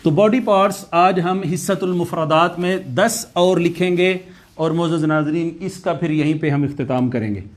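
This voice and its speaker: High-voiced man drilling Arabic words. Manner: repeats key words slowly and drawn out for drill. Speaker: Arabic language teacher. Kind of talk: recorded lecture.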